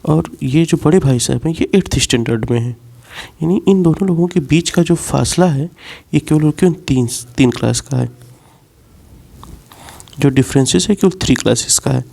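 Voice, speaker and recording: A man's voice: on the high side, gravelly, mellow. A man teaching a class as a lecture, explaining step by step and repeating key points. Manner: explains slowly, repeats key points, mixes in English words.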